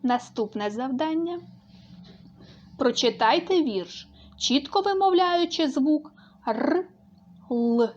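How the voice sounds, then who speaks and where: A woman speech therapist leading a lesson with slow, clearly articulated sound drills. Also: sits high, lively intonation, darkish tone, lo-fi sound.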